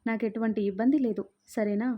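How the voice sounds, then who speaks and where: A woman voicing a gentle, troubled young husband who speaks softly and coaxingly. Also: on the high side, steady tone, fairly quick, close to an everyday voice. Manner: soft, coaxing. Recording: dull lo-fi sound.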